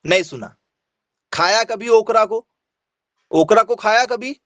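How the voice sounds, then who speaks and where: High-voiced teacher asking and answering himself. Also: male voice, slow, fairly bright tone, dry recording, lo-fi sound. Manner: repetitive, questions and answers himself, addresses students directly. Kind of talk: online exam-prep lesson.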